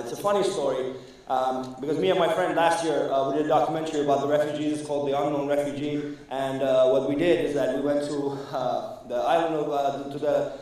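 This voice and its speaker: A man from Iran, his voice on the high side with a darkish tone, does stand-up before a live comedy club audience. His crowd work rambles, packed with fillers and restarts. The sound is echoey and distant.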